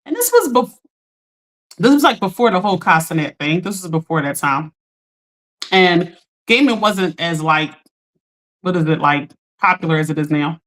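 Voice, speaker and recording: Her voice still recovering from being lost, the woman runs a casual live chat, speaking straight to viewers with lively pitch jumps. Her pace is moderate, she pauses often, and the audio is poor.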